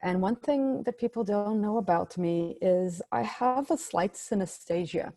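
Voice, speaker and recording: A woman's voice: medium pitch, unhurried, warm tone, no room sound. A woman from Israel introducing herself in a friendly, thoughtful way. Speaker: participant. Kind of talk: personal introduction.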